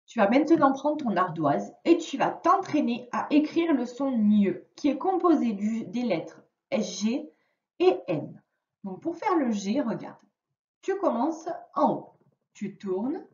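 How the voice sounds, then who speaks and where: Primary teacher, woman, fairly high voice, patient and careful, taped in an echoey room. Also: sing-song, darkish tone. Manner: slow, patient, clearly articulated instructions. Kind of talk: remote reading lesson for a young child. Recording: roomy, distant, dull lo-fi sound.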